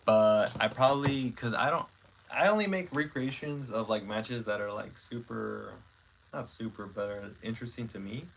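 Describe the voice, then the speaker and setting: The audio is poor, with slight background noise, and the man's medium-pitched voice is creaky at a normal speed. He is a stop-motion creator in his twenties from Mexico, hosting a laid-back livestream where he reads comments and rambles, full of fillers and self-corrections.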